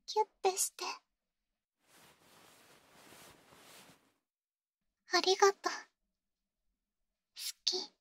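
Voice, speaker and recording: A clingy, insecure young girlfriend in a whispered role-play audio drama, sweet yet eerily obsessive. Her voice is extremely high and girlish, with slow, halting, pleading delivery. It sounds close and dry. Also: flat delivery, fairly bright tone, dry recording. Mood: tender, clingy.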